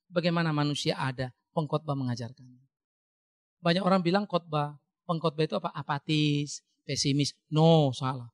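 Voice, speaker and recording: A male pastor preaching a sermon in an animated, emphatic way, with sudden rises for emphasis. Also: a little high, normal speed, no echo, clean studio sound.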